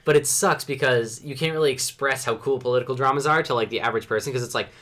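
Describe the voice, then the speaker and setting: A man joins a loose podcast conversation at an everyday mid pitch. He sounds easygoing, drops short "right"s between his co-host's lines, and gets keen about what he likes. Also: fast. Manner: relaxed, frequent "right" backchannels, enthusiastic asides. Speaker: podcast co-host. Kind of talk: casual pop-culture chat.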